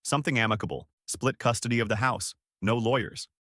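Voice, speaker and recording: A man's voice: medium pitch, brisk, a bit bright, dry recording, studio quality, natural voice. A man voicing a manipulative middle-aged ex-wife who talks in a syrupy, placating way.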